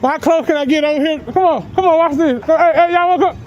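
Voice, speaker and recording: A man's voice: extremely high pitch, brisk, darkish tone, dull audio, a little hiss or hum. A man filming police on a public sidewalk, taunting and mocking them in confrontational street talk, laughing often, picked up by the handheld camera he films with.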